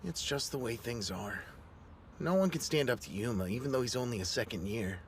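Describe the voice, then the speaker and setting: A man voicing a timid, excitable teenage boy who stammers nervously, in an anime dub. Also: medium pitch, a little fast, a little hiss or hum, lightly acted. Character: timid, excitable teen boy, lone sumo club member.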